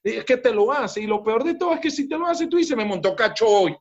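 A man's voice: very high-pitched, expressive, brisk. Emphatic Venezuelan man, muffled audio. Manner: emphatic, speaks straight to the listener. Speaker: business coach and mentor. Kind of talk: podcast interview.

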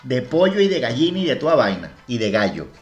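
A man's voice: medium pitch, very animated, quick pace, dull audio. A man co-hosting a comedy podcast, joking around in crude, teasing banter. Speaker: podcast co-host.

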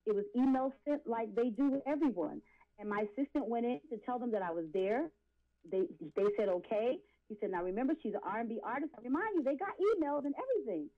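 An R&B and gospel singer in her late forties testifies as an interview guest, fast and animated in a fairly high-pitched voice. The sound is lo-fi, and she speaks in an impassioned, preachy, emphatic way, repeating phrases.

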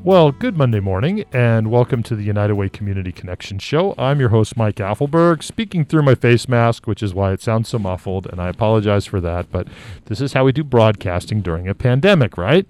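A man's voice: lowish voice, lively intonation, brisk, darkish tone. A man reading a scripted radio promo for a community organization.

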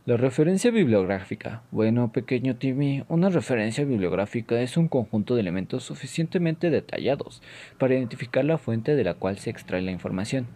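A man's voice: mid-range voice, expressive, fairly quick, dark tone. A man delivering scripted educational narration as an explainer, in a playfully formal, instructional manner.

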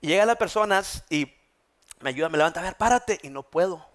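A man in his twenties from Mexico, a pastor with a northern Mexican accent, preaching a sermon and telling stories in an animated way. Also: fairly high pitch, fairly quick. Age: 20s. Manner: animated, vivid storytelling preacher. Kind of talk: sermon with storytelling.

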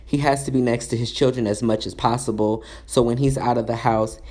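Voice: mid-range voice, steady tone, a little fast, dark tone. A commentator giving casual celebrity gossip commentary in a sassy, chatty way, full of asides and fillers.

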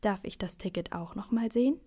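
A woman voicing the kindly Sandmännchen in a storybook reading, speaking slowly and gently. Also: medium pitch, lightly acted. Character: Sandmännchen, kindly small bedtime helper.

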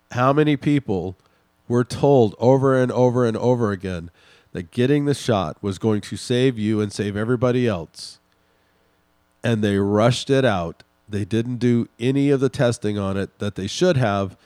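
A man hosting a podcast, reading and commenting on news articles in an emphatic, indignant way, slowing down to stress his points. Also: mid-range voice, darkish tone, no room sound. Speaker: podcast host.

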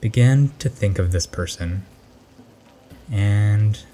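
A male meditation guide narrates in a low register with a warm, dark tone. His delivery is gentle and unhurried, with faint noise behind the voice.

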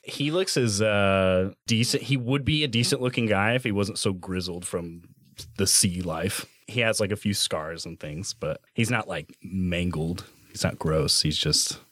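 A man playing a tabletop role-playing game, joking and speaking lively and exasperated in character. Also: deep voice, unhurried, no echo. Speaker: player.

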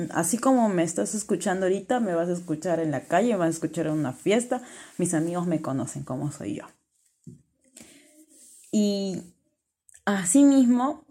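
A woman hosting a self-help podcast, talking straight to the listener in an earnest, encouraging way. She says her voice is naturally loud. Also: lowish voice. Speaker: podcast host.

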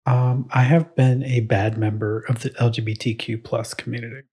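A man's voice: mid-range voice, level tone, moderate pace, warm tone, husky. A young man co-hosting a casual podcast, bantering and running a playful trivia quiz. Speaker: podcast co-host. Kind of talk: casual chat.

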